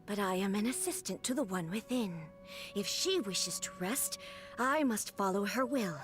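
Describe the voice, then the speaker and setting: A woman voicing a calm, emotionless female puppet ruler in a video game, speaking in a flat, mechanical, computer-like way. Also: medium pitch, normal speed, soft background music, close to an everyday voice. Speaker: game character.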